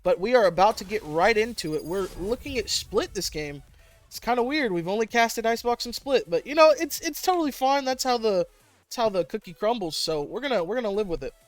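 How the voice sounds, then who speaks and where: A man hosting and casting an amateur online game tournament, laughing often and jumping up in pitch when excited. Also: brisk. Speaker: tournament host and caster. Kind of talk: casual esports commentary.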